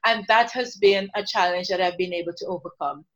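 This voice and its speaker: A woman's voice: on the low side, a little fast. A woman from Guyana, a counsellor, talking earnestly and reflectively as an interview guest.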